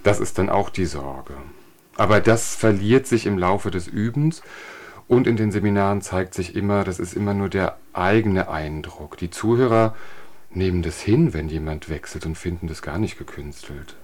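A university speech trainer appears as a guest on a radio interview, explaining speech practice in a measured, teacherly way and drawing on everyday examples. His voice is fairly low and a little mellow.

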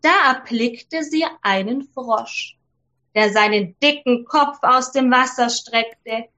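A woman reading a fairy tale aloud to children, gently and clearly. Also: fairly high pitch, slow, muffled recording. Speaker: storyteller for children.

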